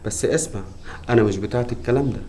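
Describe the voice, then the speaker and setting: A haughty, sarcastic woman who flirts yet snaps back, played by a man. The voice stays dark and low in Egyptian Arabic. The words come out quick. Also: slight background noise, natural voice. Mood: snippy. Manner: snippy, sarcastic. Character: haughty middle-aged woman Zizi, flirty yet prickly.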